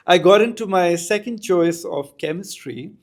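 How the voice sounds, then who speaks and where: With a high-sitting voice and a somewhat slow pace, this middle-aged Indian-accented man reflects on personal anecdotes. He is a school educator speaking articulately as a podcast interview guest.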